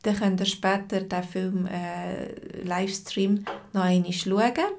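A woman in her thirties with a Swiss German accent, giving a live-stream language lesson from home at her webcam and answering viewers by name. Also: medium pitch. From Switzerland. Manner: slow, patient, repeats phrases and answers chat viewers by name. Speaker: language teacher.

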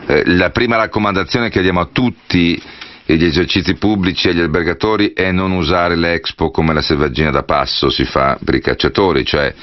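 Man, radio host, very low voice, long rambling questions, dull lo-fi broadcast sound. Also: brisk. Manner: long, winding questions with many asides. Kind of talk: radio interview.

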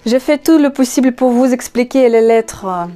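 Teaching an online language lesson, a woman with a Russian accent, a native speaker of Russian, spells out letters and repeats every word in a slow, patient manner. Her a little high voice carries a dark tone, with faint music audible behind her.

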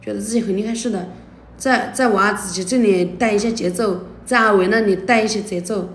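A woman's voice: mid-range voice, fairly even intonation, a little fast, a little hiss or hum. Indignant scolding woman, echoey room. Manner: indignant, scolding, repeats herself. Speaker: livestreamer. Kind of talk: heated argument on a livestream. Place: indoor room at night.

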